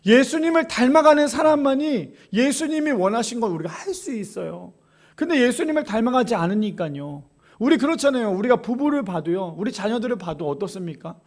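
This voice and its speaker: A man's voice: very high-pitched, a little fast. A male pastor preaching a sermon in a small church, acting out scripture dialogue as he goes. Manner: animated preaching, acting out Bible dialogue in quoted voices.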